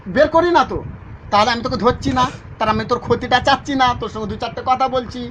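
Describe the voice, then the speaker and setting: A man's voice: extremely high pitch, fast, fairly bright tone, slight background noise. A man coaxing and questioning a woman said to be possessed, asking the same thing over and over. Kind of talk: coaxing interrogation.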